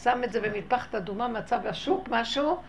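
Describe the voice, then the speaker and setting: Gravelly-voiced Israeli woman telling a tale. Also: a little high, a little hiss or hum. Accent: Israeli Hebrew. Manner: animated storytelling, acts out quoted voices. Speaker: religious teacher.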